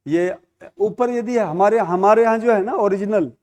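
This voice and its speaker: A middle-aged man with a high, somewhat mellow voice teaches a Hindi grammar class in an unhurried classroom lecture. He explains points and repeats key terms in a question-and-answer pattern.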